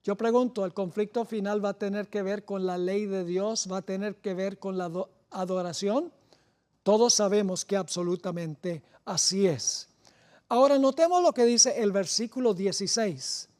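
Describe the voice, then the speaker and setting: A woman preaching a sermon, with deliberate phrasing and rising emphasis on key words. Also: mid-range voice, darkish tone.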